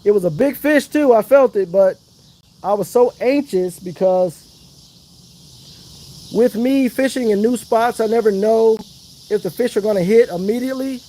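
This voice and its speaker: A man's voice: high voice, normal speed, pauses often, warm tone, a little hiss or hum. A man chatting casually on a fishing livestream outdoors, hyping up his viewers. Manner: chatty, hypes up viewers, Southern slang. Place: outdoors by the water.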